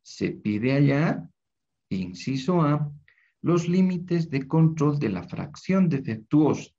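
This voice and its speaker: Gravelly, husky male lecturer. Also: on the high side, animated, slow, mellow. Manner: explanatory, frequent tag questions. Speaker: teacher. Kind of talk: recorded lecture over screen. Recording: dull lo-fi recording.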